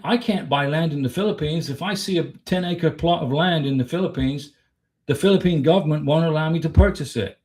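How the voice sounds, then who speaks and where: An American livestream host from Florida speaks in a slightly high voice with a darkish tone. He's blunt, emphatic and opinionated, tossing out rhetorical questions and answering the chat.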